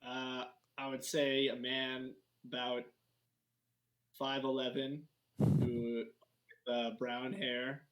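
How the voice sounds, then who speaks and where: A man playing a tabletop role-playing game, stating his moves in a dry, matter-of-fact way with deadpan jokes. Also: mid-range voice, takes it slowly, pauses often, poor audio. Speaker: player. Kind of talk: casual in-character play.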